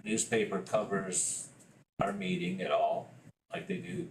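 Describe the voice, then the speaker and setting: Board member, male, very low voice, halting, heard far off in a roomy hall. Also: very animated, vocal fry, slight background noise. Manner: thinks aloud in halting phrases. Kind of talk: public meeting discussion. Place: meeting room. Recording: roomy, from a distant mic.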